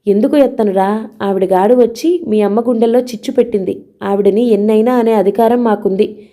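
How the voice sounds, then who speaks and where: A woman's voice: medium pitch, fairly quick, warm tone, lightly acted. A woman voicing a domineering middle-aged man who harshly scolds and threatens his younger brother in an audio novel. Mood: scolding.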